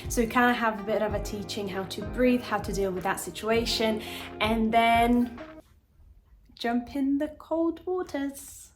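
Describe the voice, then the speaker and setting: A woman's voice: fairly high pitch, fairly even intonation, normal speed, over music. A woman chatting casually to her viewers in a vlog. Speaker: vlogger.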